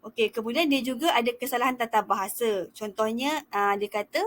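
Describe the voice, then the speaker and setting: A young woman student teacher talks through a lesson in a relaxed, chatty way. Her voice sits a little high, and she often pauses briefly to begin a point again before carrying on. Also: slight background noise. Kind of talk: casual explanatory lecture.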